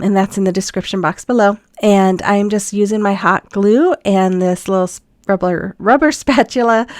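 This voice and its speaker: A middle-aged woman with a medium-pitched voice and a stuffy cold hosts a craft channel, narrating a DIY project step by step with frequent ums. The voiceover is studio quality, with no room sound.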